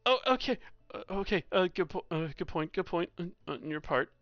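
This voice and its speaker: A man voicing a bossy young hall monitor with animal ears who shouts indignantly at rule-breakers. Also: high voice, lively intonation, brisk, highs cut off, soft background music, voice pushed up. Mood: flustered.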